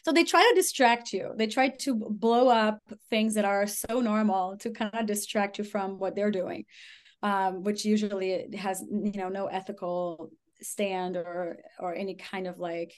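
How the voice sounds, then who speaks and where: A woman's voice: mid-range voice, steady tone, unhurried. A woman talks as a guest on a podcast in a loose, conversational way. Her speech is full of "like" and "you know", and she acts out the lines of people in her stories. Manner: chatty, lots of "like" and "you know", acts out quotes. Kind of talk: casual conversational storytelling.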